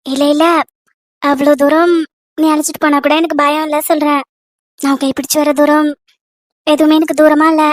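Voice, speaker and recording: A devoted young wife, as a woman voices her in a cartoon romance. She speaks in a soft, high and affectionate voice. The sound is dry and close. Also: little pitch movement, moderate pace, pauses often, no echo, natural voice. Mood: tender.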